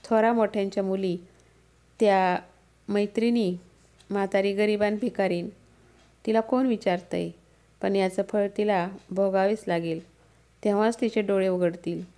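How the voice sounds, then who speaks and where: A woman's voice: mid-range voice, fairly even intonation, measured pace, long pauses, mellow, close to an everyday voice. A woman voicing an angry poor old woman who scolds with indignation in a devotional story. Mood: indignant.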